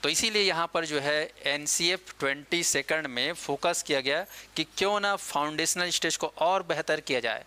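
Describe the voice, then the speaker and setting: A man teaching a coaching-class lecture in a casual, chatty way, quizzing students and answering himself, slowing down to dictate key terms. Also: a little high, pushed and bright, smooth.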